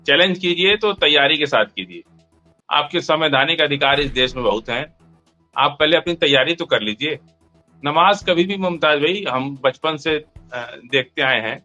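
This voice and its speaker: A man's voice: a little high, pushed and bright, muffled recording. A man in a heated political discussion, arguing emphatically and cutting in on the other speaker. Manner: argumentative, emphatic, interrupts. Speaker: debate panelist.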